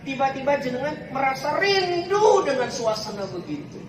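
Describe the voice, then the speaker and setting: A man's voice: very high voice, big pitch swings, normal speed, background noise. A man giving a humorous sermon at a community gathering, who keeps asking the crowd for agreement. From Palembang, Indonesia. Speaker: preacher. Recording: echoey hall, distant mic, crowd.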